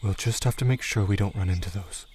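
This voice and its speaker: A man's voice: fairly low pitch, quick pace, a little mellow, breathy edge. A man playing a protective tracker in an audio drama, dry and teasing but reassuring. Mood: calm, watchful. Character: wry, protective male tracker leading young companions.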